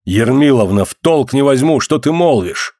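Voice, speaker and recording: A man's voice: medium pitch, lively intonation, moderate pace, darkish tone, no echo, clean studio sound, lightly acted. A man reading the part of a proud old-Russian boyar in an audiobook, speaking in a grave, archaic, indignant way. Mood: shocked. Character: proud, angry middle-aged old-Russian boyar lord.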